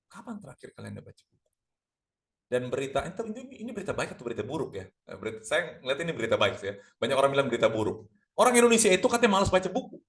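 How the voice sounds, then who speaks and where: Middle-aged male sales trainer, energetic, quick delivery, keeps asking the audience questions. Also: medium pitch, creaky. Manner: energetic, addresses audience as Bapak Ibu, rhetorical questions. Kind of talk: lively online sales class.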